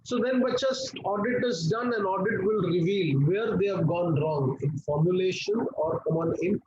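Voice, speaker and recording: High-pitched Indian man teaching, dull noisy audio. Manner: coaxing, checks attention, asks and answers own questions, drops into Hindi. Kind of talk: live online class lecture, explaining to students.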